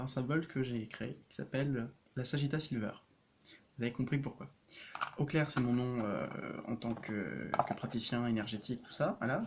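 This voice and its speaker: A man's voice: medium pitch, background noise. Hesitant man chatting on a vlog. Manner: hesitant, many fillers and restarts, chuckles often. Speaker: energy practitioner. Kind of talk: casual vlog explaining a homemade rune deck.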